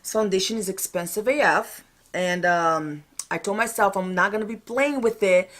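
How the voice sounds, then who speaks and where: A woman's voice: medium pitch, normal speed, fairly bright tone. Chatty woman doing a casual makeup tutorial. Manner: chatty, informal, thinking aloud. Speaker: makeup vlogger.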